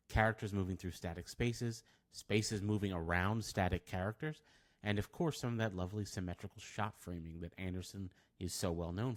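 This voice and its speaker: Very deep-voiced man reviewing a film. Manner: wry, dry asides.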